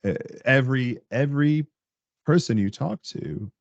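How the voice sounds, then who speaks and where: A man as a guest on a podcast, chatting casually and telling animated stories, laughing often. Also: mid-range voice, unhurried, gravelly, no room sound, muffled recording. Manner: animated storyteller, laughs often, acts out coworkers' lines. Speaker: podcast guest, tech director. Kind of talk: casual interview chat.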